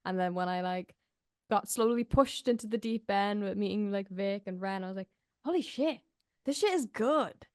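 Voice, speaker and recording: A young woman interviewing a guest in a casual chat, soft-spoken and filling her talk with "like". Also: medium pitch, normal speed, clear, resonant tone, dry recording, clean studio sound. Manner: soft-spoken, heavy use of "like".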